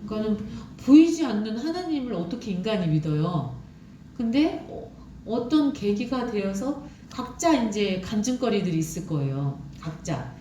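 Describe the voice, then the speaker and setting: A woman preaching a sermon, chatty and loose, with many pauses and fillers as she shares her own story. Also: medium pitch, big pitch swings, dark tone. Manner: conversational, with many fillers and personal testimony. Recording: echoey room from far off, faint noise.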